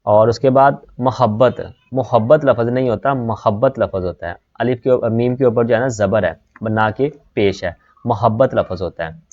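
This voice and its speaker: A man's voice: mid-range voice, moderate pace. Pakistani man teaching an Urdu lesson. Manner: calls students "beta", repeats "theek hai" and "next hai ji". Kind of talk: exam-prep lesson, word by word. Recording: slightly dull lo-fi audio.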